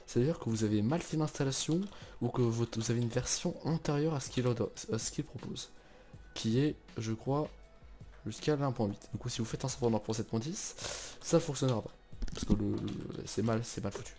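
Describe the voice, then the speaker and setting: A young man hosting a casual game server tutorial, chatty and relaxed, with many fillers and restarts. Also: medium pitch, normal speed, faint music behind. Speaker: tutorial host.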